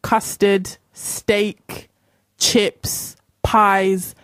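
Female radio host, medium pitch, chatty interviewer, dry sound. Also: flat delivery, very slow, dry recording. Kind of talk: casual live radio interviewing.

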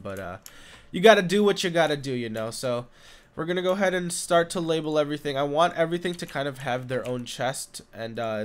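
A young man with a stuffy nose from being sick, rambling casually over his gameplay with lots of fillers and bursts of excitement. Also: mid-range voice. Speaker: gaming YouTuber. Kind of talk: casual Minecraft let's play commentary. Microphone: condenser desk mic.

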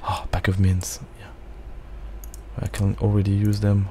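A man's voice: on the low side, monotone, unhurried, mellow, a little hiss or hum. A man giving casual, anxious gameplay commentary while he plays, muttering to himself. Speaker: gaming video host.

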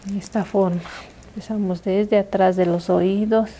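A young woman narrating an ASMR massage in a hushed, intimate, soothing voice that is close to a whisper. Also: mid-range voice, steady tone, normal speed, slight background noise. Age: young adult. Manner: hushed, intimate, soothing soft-spoken delivery, dropping into whispers. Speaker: massage practitioner. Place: small living room, indoors.

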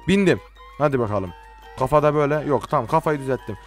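A teenage man from Turkey giving casual, joking gameplay commentary, talking to game characters and swinging from quiet mutters to sudden shouts. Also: medium pitch, lively intonation, fast, soft background music. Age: late teens. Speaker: gaming YouTuber.

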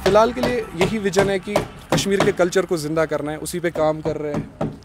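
A twenty-one-year-old restaurant owner from Kashmir answers interview questions in a village courtyard, speaking earnestly and mixing in English phrases. His voice sits high and steady, moving fairly quickly over loud background music. The interviewer holds a handheld mic.

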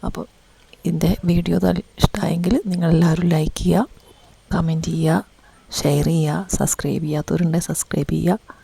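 A woman's voice: sits low, level tone, brisk, vocal fry, dark tone, husky, no room sound. A woman giving a chatty home tour of her house under renovation, talking straight to her viewers, her throat irritated by dust. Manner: chatty, addresses viewers directly, frequent tag words. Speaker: vlogger. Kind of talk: casual home tour narration.

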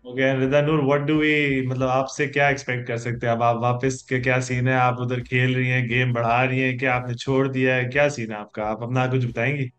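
Rapid-fire Pakistani man mixing Hindi-Urdu and English. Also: mid-range voice, flat delivery, a bit bright, faint music behind. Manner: mixes Hindi-Urdu and English mid-sentence. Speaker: interview host. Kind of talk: casual sports interview.

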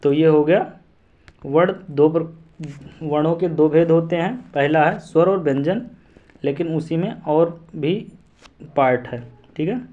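A man's voice: fairly high pitch, a little slow, long pauses, phone-quality sound. A man teaching an exam-prep lesson, repeating syllables and memory rhymes aloud to drill them in.

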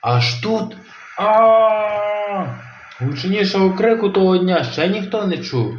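A man narrating a children's audio tale in an animated, expressive way. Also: sits high, moderate pace, slight background noise. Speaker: storyteller. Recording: roomy, slightly dull home recording.

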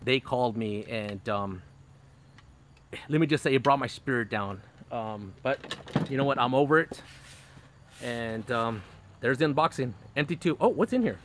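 A middle-aged man talks to his live stream viewers from outdoors, his phone held close. He chats loosely with lots of ums and restarts and breaks into laughter now and then. His voice sits at an ordinary middle pitch for a man. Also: normal speed, long pauses, a bit bright, a little hiss or hum. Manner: chatty, frequent fillers and restarts, bursts of laughter. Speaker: fishing channel host. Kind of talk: casual live stream chat. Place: outdoors in a backyard under a canopy. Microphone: phone camera close up.

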